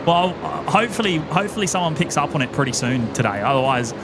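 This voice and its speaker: A man's voice: on the high side, expressive, fast, loud music behind the voice. A man with an Australian accent hosting a live stream outdoors at an airport, chatty, repeating his words as he greets viewers. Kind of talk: casual live-stream chat. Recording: loud outdoor traffic noise behind.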